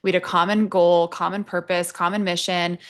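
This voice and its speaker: A middle-aged woman from Nottingham, England, who speaks with an American accent, appears as a podcast guest. She is an army veteran now working in HR, and she shares personal stories candidly and conversationally in a lowish, flat, brisk voice with a clean tone.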